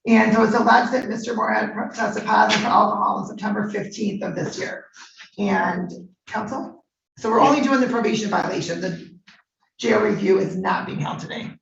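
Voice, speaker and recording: A woman judge presiding over formal court proceedings, speaking in a firm, measured way, heard on a courtroom recording. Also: mid-range voice, creaky, a little hiss or hum. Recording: muffled echoey courtroom recording from far off.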